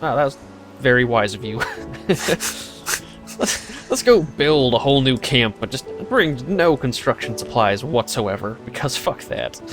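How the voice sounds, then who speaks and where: A man's voice: medium pitch, sing-song, a little slow, over music. A young man hosting a casual let's play, rambling through his plans with sarcastic asides and frequent laughs. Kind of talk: casual gameplay chat.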